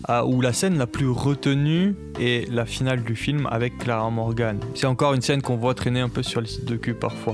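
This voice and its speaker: A man delivers a scripted video-essay commentary in a deadpan, sardonic voice full of crude jokes. His pitch barely moves, and soft background music runs faintly under him.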